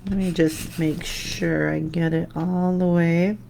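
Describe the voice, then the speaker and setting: A woman hosting a live painting tutorial, chatting with viewers and trailing off into quiet mutters as she concentrates. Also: fairly low pitch, little pitch movement, slow pace, gravelly, a little hiss or hum. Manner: chatty, answers viewer comments while painting; drifts into soft mutters when concentrating. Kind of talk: live painting demo, casual chat.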